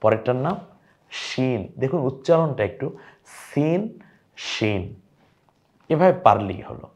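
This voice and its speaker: A man's voice: medium pitch, expressive, moderate pace, darkish tone. A man teaching viewers to read Arabic letters, coaxing them to repeat each letter name after him. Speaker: Quran teacher.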